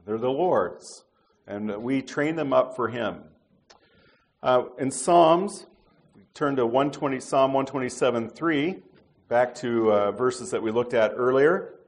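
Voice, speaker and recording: In a mid-range voice, a middle-aged preacher talks through his sermon casually, breaking off with fillers and restarting what he was saying.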